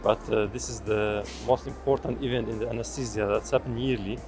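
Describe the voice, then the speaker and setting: A man's voice: fairly low pitch, steady tone, brisk. A man from Iraq, a conference attendee, speaking hesitantly with fillers. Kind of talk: vox pop interview. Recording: music bed underneath.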